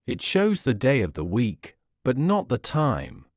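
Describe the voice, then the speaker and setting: A man's voice: mid-range voice, wildly swooping pitch, measured pace, no room sound, clean studio sound. Alice, a polite curious girl, read by a man. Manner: politely questioning.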